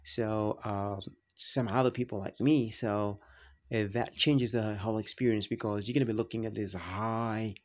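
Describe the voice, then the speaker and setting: Low-voiced guy narrating his travel vlog, pretty monotone, lots of uhs and restarts. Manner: halting, many fillers and restarts. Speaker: travel vlogger.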